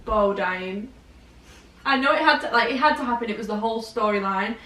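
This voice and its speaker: A woman with a Northern English accent co-hosting a casual book podcast, chatty and quick to laugh. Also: a little high, fairly bright tone, reverberant, far from the mic, rough recording. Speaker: podcast co-host.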